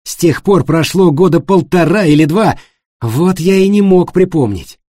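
A man voicing an excited, talkative businessman who tells a story loudly and insistently. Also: fairly high pitch, normal speed, dry recording, clean studio sound, pitched above the performer's own voice, lightly acted.

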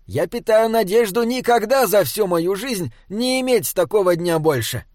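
A man's voice: high voice, lively intonation, normal speed, darkish tone, no echo, studio quality, pitched above the performer's own voice. A man voicing a small, mischievous male troll who speaks in an oddly formal, stilted way. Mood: playful.

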